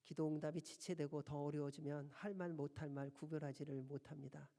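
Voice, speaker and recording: High-voiced pastor preaching in a reverberant sanctuary. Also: male voice, flat delivery, fairly quick, gravelly, warm tone. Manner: earnest, pleading preacher who asks the congregation direct questions. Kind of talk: sermon. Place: church sanctuary. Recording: long reverb of a church sanctuary.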